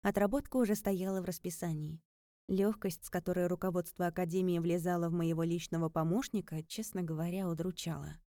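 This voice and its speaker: A woman's voice: fairly low pitch, steady tone, fairly quick, mellow, no room sound, studio quality. A woman narrating a story in the first person, with a wry tone. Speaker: audiobook narrator. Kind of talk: scripted narration.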